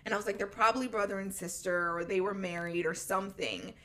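A woman's voice: medium pitch, fairly even intonation, quick pace, bright, forceful tone. A young woman co-hosting a podcast, chatting casually with lots of fillers and frequent laughter. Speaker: podcast co-host. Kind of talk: casual chat.

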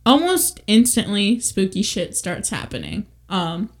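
A young woman co-hosting a casual true-crime podcast, telling a story in a chatty, giggly, animated way. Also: medium pitch, unhurried. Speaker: podcast co-host.

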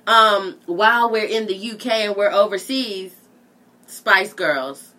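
Bright-voiced young woman chatting and laughing. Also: medium pitch, slow pace. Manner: animated, laughs often, sings snatches of songs. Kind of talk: casual chat.

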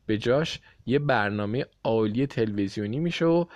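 A man's voice: mid-range voice, lively intonation, darkish tone, no room sound, muffled recording, lightly acted. A man voicing a bossy, showy female TV producer in a children's storybook reading. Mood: brash. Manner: pushy, showy, theatrical.

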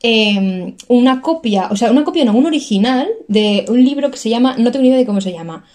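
Young woman, chatty co-host, rambling storyteller, slightly high voice. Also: expressive, fairly quick, a little mellow. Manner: chatty, laughs often, rambling storyteller with self-corrections. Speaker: podcast co-host telling a story. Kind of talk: casual chat.

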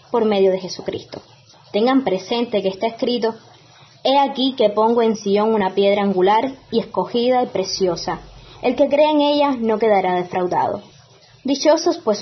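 A woman's voice: mid-range voice, dull audio, slight background noise. A woman reading scripture as a lector at Mass in a formal, declamatory manner.

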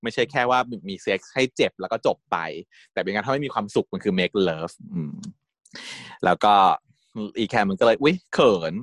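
A man's voice: on the low side, expressive, normal speed, no echo, clean studio sound. Chatty man recapping a show. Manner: chatty, giggles often, acts out quotes. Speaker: series recap host. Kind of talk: casual storytelling recap.

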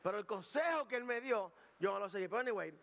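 A man's voice: high voice, lively intonation, fast, gravelly, a bit bright. A male pastor giving a sermon in a conversational style, joking, making asides, dropping in English words and often repeating himself. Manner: conversational preaching with jokes and asides. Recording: long hall reverb.

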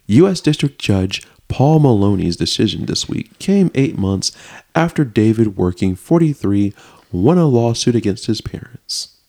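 Man, lower pitch, animated intonation, dramatic news reading, halting restarts. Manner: reads news in a put-on dramatic voice. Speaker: podcast co-host. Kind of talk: casual chat, reading a news story aloud.

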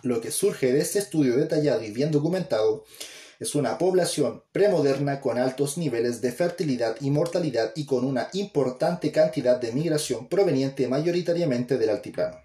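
A man's voice: medium pitch, expressive, normal speed, mellow. A man reading an academic book aloud in an amateur way, plainly and unhurriedly, correcting himself mid-phrase. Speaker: reader. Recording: roomy echo.

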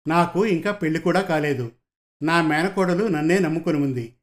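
Timid young assistant detective, read by a man, pleading plaintive tone, slightly high voice, storybook reading. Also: normal speed, close to an everyday voice.

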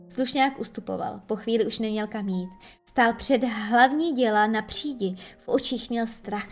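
Woman reading a kids story aloud, expressive, fairly high voice. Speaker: narrator. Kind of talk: audiobook reading.

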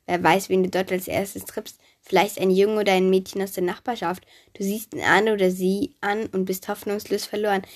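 Woman telling a lively storybook tale, gravelly. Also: medium pitch. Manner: lively, chatty, speaks straight to the listener. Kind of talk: first-person storybook narration as a god.

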